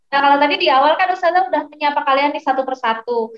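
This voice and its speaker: A woman teaching English online, explaining slowly and patiently to her students. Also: high-pitched. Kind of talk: online class lesson, mixing English and Indonesian. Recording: echoey, slightly muffled online lesson audio.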